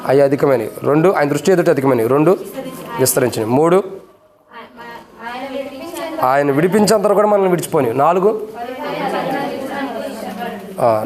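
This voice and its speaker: A man with a fairly high, somewhat mellow voice preaches fervently as pastor during a church service. Scolding and warning, he pounds the congregation with repeated rhetorical questions and stern admonitions.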